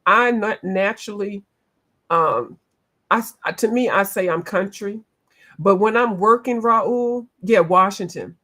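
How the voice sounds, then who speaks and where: This livestream host from the eastern United States colors while casually talking with viewers, reading comments and laughing often. She's playful and wanders between accents; her mid-range voice is bright and forceful, and she takes her time.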